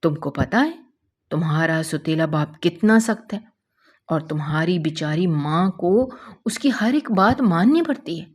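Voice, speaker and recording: A woman's voice: fairly low pitch, expressive, darkish tone, husky. A woman voicing a harsh, sly stepfather who speaks in a falsely comforting way.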